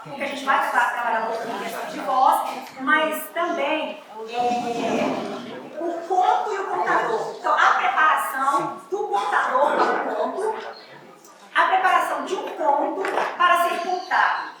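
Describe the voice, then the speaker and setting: A woman's voice: high voice, animated, normal speed, crowd noise. A woman teaching a storytelling workshop, explaining in a friendly way with hesitant restarts. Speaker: storytelling instructor. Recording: echoey room heard from a distance.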